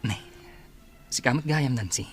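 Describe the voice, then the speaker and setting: In an Ilocano radio drama, a man plays a kind, composed doctor at a village hospital, speaking gently and reassuringly in a medium-pitched voice, a little slowly and lightly acted. Faint music, ambient sound, and background noise sit behind him.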